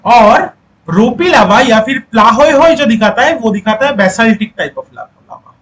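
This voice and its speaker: A man's voice: very high voice, animated, unhurried, a bit bright, rough recording. A male teacher giving a lecture who repeats key points, quizzes the class and coaxes students to speak up.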